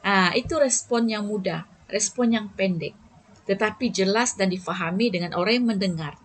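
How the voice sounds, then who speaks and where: A woman's voice: medium pitch, moderate pace, slight background noise. A Malaysian woman teacher giving an online Malay lesson to young pupils, checking in with them often. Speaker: primary school teacher.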